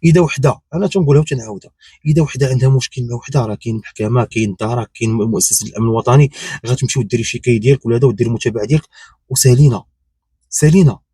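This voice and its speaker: A man's voice: medium pitch, very fast, mellow, husky, dry recording. A man with a Moroccan accent giving unscripted opinion commentary, insistent and repetitive, firing off rhetorical questions. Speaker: YouTube commentator.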